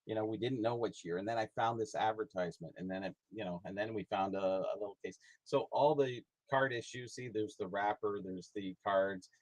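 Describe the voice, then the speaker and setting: A man's voice: fairly low pitch, fairly quick, few pauses, no echo, rough recording. A middle-aged man talking casually as a guest, rambling with many fillers and restarts. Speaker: guest, hobby historian and price guide author. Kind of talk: casual conversation.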